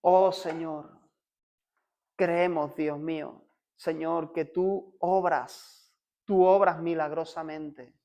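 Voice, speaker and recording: A Spanish-accented man with a high, light voice leads a church in prayer. His delivery is fervent and pleading, and he keeps returning to short repeated calls to the Lord. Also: steady tone, slow pace, creaky, dark tone. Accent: Spanish (Spain). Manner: fervent prayer, repeating "Señor" constantly, rising to urgent pleading. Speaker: pastor. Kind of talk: leading a congregation in prayer.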